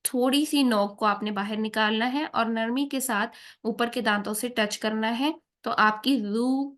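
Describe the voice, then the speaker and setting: A woman teaching tajweed, who explains each rule patiently, checks in with her learners often and slows down to recite the examples. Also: fairly high pitch, fairly bright tone. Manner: patient, checks in with "theek hai?" after each point.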